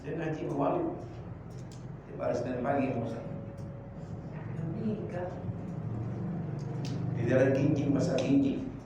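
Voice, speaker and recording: A man's voice: mid-range voice, a little slow, long pauses, background noise. A man preaching an informal sermon, mixing street slang with Arabic prayers. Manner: colloquial Jakarta slang mixed with Arabic prayers. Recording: echoey room, distant from mic.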